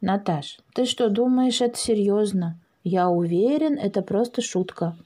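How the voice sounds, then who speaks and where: A woman voicing a sensible, slightly ironic father who speaks in a measured, drawn-out way. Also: medium pitch, warm tone, slightly rough. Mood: doubtful.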